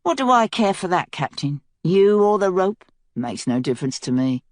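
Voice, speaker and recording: A woman's voice: fairly low pitch, sing-song, normal speed, dry recording, clean studio sound. A woman voicing a cynical, scheming male prisoner who speaks in a mocking drawl.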